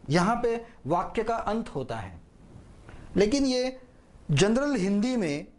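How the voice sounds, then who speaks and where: A man teaching a spoken lesson on public speaking, deliberately demonstrating how stress on different words changes meaning. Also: sits high, a little mellow. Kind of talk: spoken lesson on speech emphasis.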